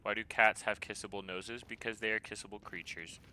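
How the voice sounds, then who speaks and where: A man in his twenties from the United States, casually streaming a game and answering chat messages in a relaxed way. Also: fairly low pitch, fairly quick, background noise. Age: 20s. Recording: game music playing behind the voice. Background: background music.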